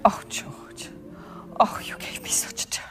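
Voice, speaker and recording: A woman's voice: a little high, big pitch swings, normal speed, noisy background. An actress playing a flustered middle-aged mother in a 1940s film, fussing and scolding her son.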